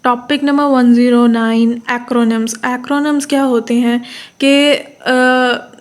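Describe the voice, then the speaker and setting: Pakistani woman teacher, fairly high but even-toned, patient explainer. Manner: repeats terms and checks with "theek hai?"; reads English definitions slowly. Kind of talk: explanatory lecture.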